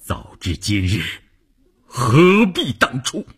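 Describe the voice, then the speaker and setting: A man voicing a stern fifty-year-old husband in a radio novel reading, speaking low, heavy and curt. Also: wildly swooping pitch, takes it slowly, husky, full character voice. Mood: grim.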